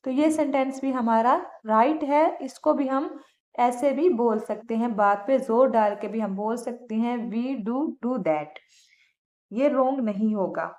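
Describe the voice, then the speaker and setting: A woman with a Pakistani accent teaching English grammar, slowing down to say each example sentence and often checking that students follow. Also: on the high side, a little mellow, lo-fi sound. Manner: slow, deliberate on example sentences, checks understanding. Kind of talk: explaining grammar lesson.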